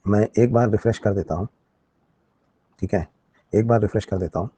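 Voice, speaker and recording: A man's voice: fairly low pitch, brisk, dark tone, a little hiss or hum. A man teaching a live online biology class, explaining with everyday examples and checking in with his students often.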